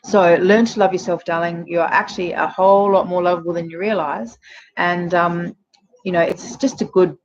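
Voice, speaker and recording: A woman's voice: on the low side, fairly even intonation, moderate pace. A woman in her forties giving frank, chatty relationship advice to camera, with many fillers. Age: 40s. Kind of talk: casual direct-to-camera advice. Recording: dull lo-fi sound with faint noise.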